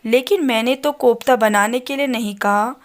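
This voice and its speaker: A woman's voice: a little high, moderate pace, lightly acted. A woman doing a bossy scolding mother-in-law. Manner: scolding, complaining. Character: bossy, irritable middle-aged mother-in-law. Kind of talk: storybook character voice.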